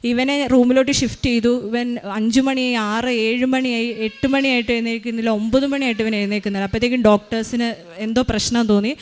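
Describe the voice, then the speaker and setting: A woman's voice: a little high, fairly even intonation, quick pace. A woman in her thirties giving a spoken faith testimony as a mother, retelling events earnestly with many hesitations.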